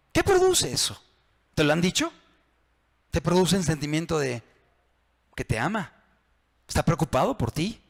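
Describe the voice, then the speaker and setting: A man's voice: a little high, vocal fry, slightly rough. A man, a pastor preaching to married couples, acting out phrases in different tones. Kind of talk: sermon on marriage. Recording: long reverb of a hall.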